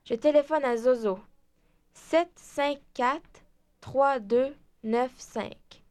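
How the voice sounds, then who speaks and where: A woman voicing a cheerful young girl planning her birthday party, in a slow, clear scripted language-lesson dialogue. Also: high-pitched, darkish tone, a little hiss or hum. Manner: slow, clear, deliberate speech.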